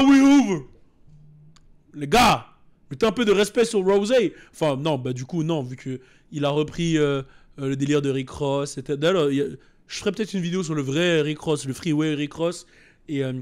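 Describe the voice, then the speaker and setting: Casting: high-pitched man, animated rant, loose swearing, quick mimicry. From France. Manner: animated, rants and mimics voices, swears often. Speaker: streamer reacting to a trailer. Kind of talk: casual reaction commentary.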